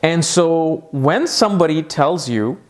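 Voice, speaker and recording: A man explaining a lesson with eager emphasis, his voice sitting a little on the high side. He repeats key points to drive them home. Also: expressive, measured pace. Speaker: astrology teacher.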